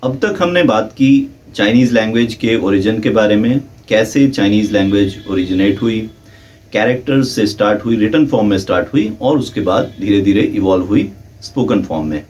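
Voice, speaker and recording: A man's voice: on the low side, expressive, moderate pace, darkish tone. A man teaching a language lesson, explaining step by step and mixing in English terms. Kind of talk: lecture. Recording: dull lo-fi audio with faint hiss.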